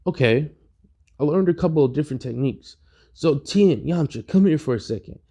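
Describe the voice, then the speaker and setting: A man's voice: a little high, animated, fairly quick, warm tone, slightly rough, voice pushed up. A man voicing an eager, upbeat young male martial artist.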